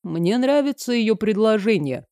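A woman's voice: on the high side, animated, a little slow, dark tone, no room sound, studio quality. A woman voicing a hot-tempered young man, the heroine's brother, who growls and snaps his words in an audiobook. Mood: sneering. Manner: growling, snapping.

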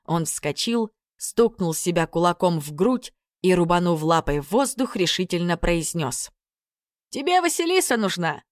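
A woman reading a fairy-tale audiobook in a measured, expressive way. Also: lowish voice, no room sound, studio quality. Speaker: narrator.

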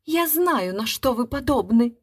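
A woman voicing a sleepy, vain actress who delivers her lines in the shrill whine of an offended schoolgirl. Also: animated, measured pace, darkish tone, husky. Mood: whiny. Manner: shrill, whining.

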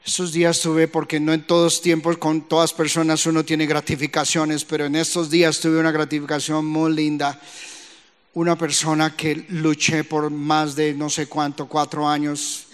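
Man, fervent pastor preaching a sermon, raised pitch, reverberant church hall. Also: monotone, moderate pace, clear, resonant tone. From Colombia. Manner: fervent preaching that acts out quoted voices. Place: church sanctuary.

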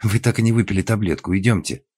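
A man voicing a dignified older woman in an audiobook, indignant and worried, with a husky voice. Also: on the low side, fast, a little mellow, no room sound, voice pushed up.

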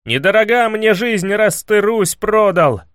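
A man doing a loud brash young fool of a hero. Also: sits high, expressive, a little slow, clean tone, no echo, clean studio sound, voice pushed up. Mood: indignant. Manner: loud declaiming, pompous outbursts. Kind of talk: audiobook character voice.

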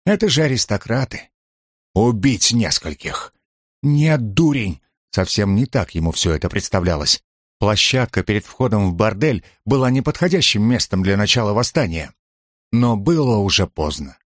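A man narrates a historical adventure audiobook in a steady, dramatic way. His voice sits low, and the recording is dry and close with no room sound. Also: a little fast, no echo. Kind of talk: scripted narration.

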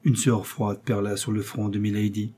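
A man reads a classic novel aloud in a measured, dramatic way. His voice is mellow and slightly husky, with an even middle pitch. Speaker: audiobook narrator. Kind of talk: audiobook narration of a classic novel.

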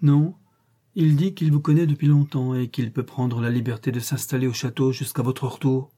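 A man's voice: medium pitch, steady tone, moderate pace, warm tone, natural voice. A man reading the part of an earnest, guarded young governess in an audiobook, raising his voice a little for her.

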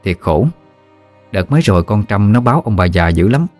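Deep-voiced man telling ghost stories. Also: moderate pace, dry recording. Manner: steady, vivid storytelling. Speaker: storyteller. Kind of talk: ghost story narration. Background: faint music.

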